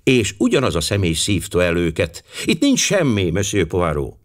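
A man reading an audiobook voices a blunt, hearty male police inspector who speaks with brisk authority. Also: deep voice, huge pitch swings. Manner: hearty, commanding, quick to conclude.

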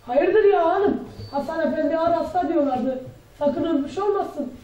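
A woman's voice: extremely high pitch, normal speed, muffled recording. A woman playing a kindly old village father, head of the household, in a stage drama. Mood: concerned. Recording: echoey, distant, faint background noise.

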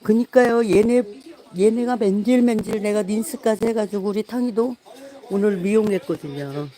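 At normal speed and medium pitch, a woman with a dark-toned voice chats on a live stream while coaxing her dog toward a wash. Her sing-song pleas repeat again and again, punctuated by frequent laughter, and the recording is rough.

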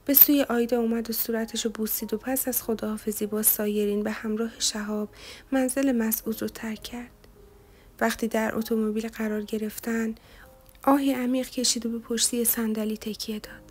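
A woman narrating a romance novel in a soft, hushed, even reading voice. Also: on the high side, faint music behind. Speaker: audiobook narrator.

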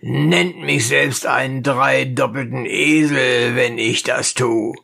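A narrator playing a hot-tempered male dentist in a satirical audiobook, emphatic and blustering. The voice stays gravelly and husky, and the pace is unhurried. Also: mid-range voice, fairly even intonation, pushed and bright, exaggerated voice. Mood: indignant.

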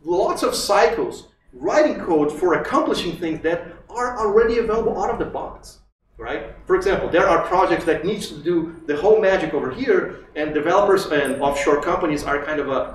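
A man's voice: high-pitched, expressive, moderate pace, far from the mic. Conversational male presenter in an echoey hall. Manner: conversational, tags with "right?". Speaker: conference speaker. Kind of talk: conference talk. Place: conference hall.

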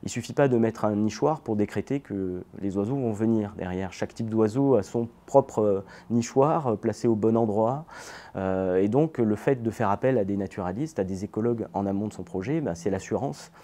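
A middle-aged man explaining things, an ecologist presenting a lesson and often pausing on fillers. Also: fairly low pitch, warm tone. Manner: hesitant, many fillers. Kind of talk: educational explanation.

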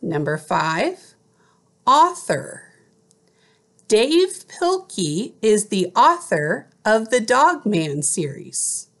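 A middle-aged woman teacher giving a slow school spelling dictation, enunciating deliberately word by word. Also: a little high, big pitch swings. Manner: deliberate enunciation, word repeated after an example sentence. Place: small room at home, indoors.

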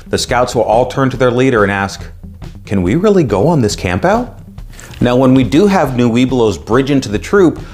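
An American man in his thirties hosts an explainer, talking straight to camera. His voice sits at an ordinary male pitch, and his delivery is emphatic and instructive. Faint music plays underneath. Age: 30s. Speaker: scoutmaster and video host. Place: small room at home, indoors.

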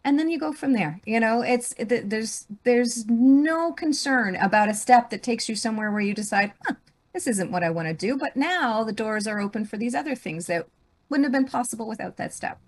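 A middle-aged woman, a business leader, telling a personal story as a guest on a podcast, animated and restarting her phrases. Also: a little high, normal speed. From grew up on a farm.

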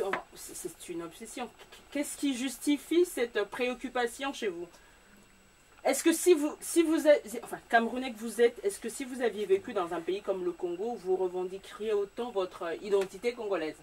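A woman host in a mid-range voice who questions a guest author with lively curiosity and laughs easily. She sounds distant from the mic, with a faint hum of the room. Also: mid-range voice, normal speed. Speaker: columnist host. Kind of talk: talk-show interview.

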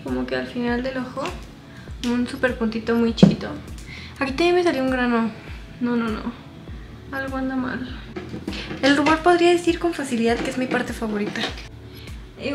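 Her high-pitched voice sounds roomy as this twenty-something vlogger, speaking with a Mexican Spanish accent, rambles through a casual makeup chat in her small bedroom, making jokes at her own expense.

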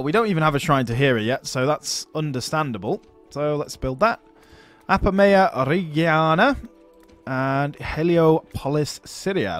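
A gaming YouTuber with a slightly high, somewhat bright voice gives casual let's-play commentary on a strategy game. He chats, laughs often, and talks to his units as if they were friends.

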